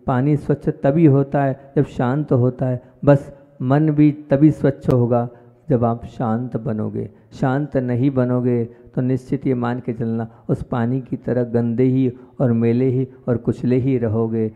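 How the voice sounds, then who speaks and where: A man, a Jain monk, giving a sermon and speaking to his listeners directly, with emphatic jumps in pitch and loudness on key words. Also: level tone, measured pace. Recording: dull reverberant hall sound.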